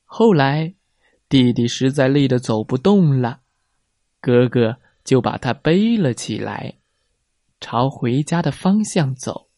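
A man reads a children's story aloud at an unhurried pace. His voice moves a lot, and he adds playful sound effects. The recording is dry and close to the mic. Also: medium pitch, animated, mellow, no room sound. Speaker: narrator.

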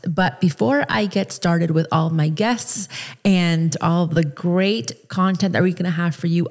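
A woman in her thirties hosts a solo podcast, talking in a casual, chatty way. Her voice sits low, and she corrects herself as she goes, with plenty of fillers along the way. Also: darkish tone. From Dominican Republic. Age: 30s. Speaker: podcast host.

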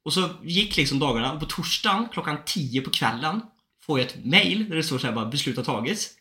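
A young man talks in a casual chat, his voice bright and a touch higher than most. He tells his story with a lot of energy and swearing, acting out both sides of phone calls. The recording has a roomy echo. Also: lively intonation.

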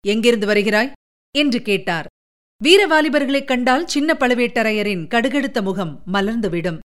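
Brief: female radio storyteller, measured and formal, slightly higher-pitched than most. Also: lively intonation, fairly bright tone. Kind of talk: scripted narration of a novel.

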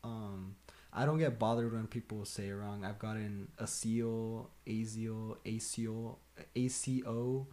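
A man's voice: fairly low pitch, level tone, unhurried, few pauses, dark tone. A man in his twenties chatting casually on a podcast, telling stories in a rambling way and laughing as he talks. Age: 20s. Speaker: podcast co-host.

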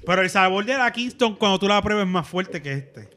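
A high-voiced man with a Puerto Rican accent who swears freely and laughs through his stories. His voice is bright and forceful. It is a loose, casual chat among friends. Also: lively intonation, a little fast, a little hiss or hum. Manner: crude, joking storyteller. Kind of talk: casual chat, beer tasting.

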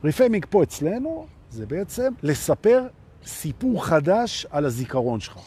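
A man coaching a live audience in a motivational self-help talk. His voice is rough and husky, set fairly high for a man, and it swings widely in pitch. He keeps repeating phrases and speaking straight to his listeners. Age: adult with a son. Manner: animated, repeats phrases, addresses listeners directly. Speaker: coach leading a live online session.

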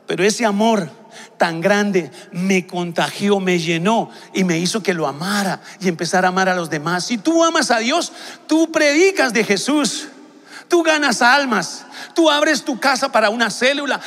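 A Colombian pastor delivers a sermon to young people in a high, bright, forceful voice at a moderate pace. He builds with passion and often breaks into shouts, and the sound fades into the long reverb of a large church hall.

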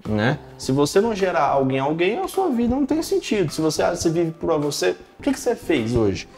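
A man's voice: a little high, brisk. A man in his thirties, a pastor, telling stories in a casual podcast chat and filling his talk with "cara" and "né". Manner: animated storytelling, frequent "cara" and "né".

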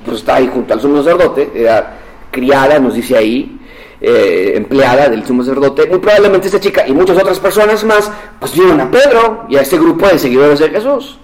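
High-voiced pastor preaching. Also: male voice, a little fast, rough recording. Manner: acts out quoted voices of biblical figures; animated, shifts between hushed and raised delivery. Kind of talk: sermon.

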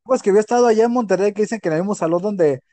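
A man's voice: high voice, very fast, mellow, no room sound. A young Mexican man with a Mexican accent, chatting casually and telling crude jokes as podcast co-host. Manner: crude, joking storyteller. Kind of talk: casual chat.

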